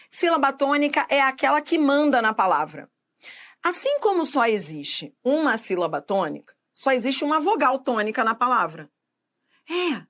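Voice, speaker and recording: A Portuguese grammar teacher with a fairly high, fairly bright voice leads a video lesson. She talks straight to the viewer, asks questions and answers them herself, and stretches each example word out slowly so it comes across clearly.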